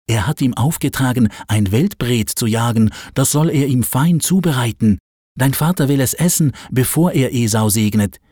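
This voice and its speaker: Guy doing an urgent scheming mom, pitch pushed up, dry recording. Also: moderate pace, darkish tone, no echo, close to an everyday voice. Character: determined scheming mother, pleading.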